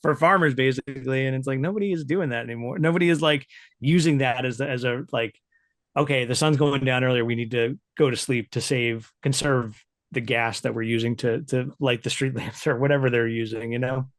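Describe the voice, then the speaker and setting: A man's voice: mid-range voice, brisk, dry recording, clean studio sound. A man talking loosely as a podcast guest, full of "like" fillers and easy laughs. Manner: loose and chatty, many "like" fillers, laughs often. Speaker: podcast guest, writer and editor. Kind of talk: casual interview chat.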